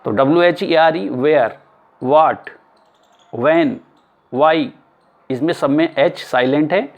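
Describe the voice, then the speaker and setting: A male teacher giving an explanatory lesson, spelling words out letter by letter and repeating them slowly. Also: fairly high pitch, phone-quality sound. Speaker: English teacher.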